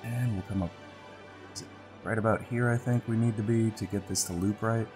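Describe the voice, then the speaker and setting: Talking a little fast, a let's play host with a very low, stuffy-sounding voice comments casually on his game, musing aloud and repeating lone words with each click. Clear music plays under his voice from start to finish.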